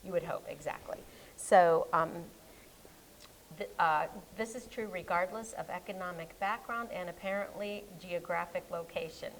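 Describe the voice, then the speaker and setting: A children's librarian with an American accent co-hosts a local library show from a public library, talking casually about books and trailing off mid-word. Her voice is lowish and moderately paced, and the low-quality recording carries a slight hiss or hum.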